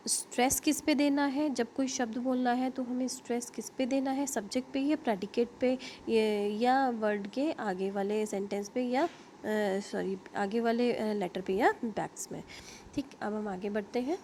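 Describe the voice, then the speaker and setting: A woman's voice: a little high, normal speed, darkish tone, slight background noise. An Indian woman teaching an online linguistics lecture, explaining terms with frequent fillers, self-corrections and checks like "okay?".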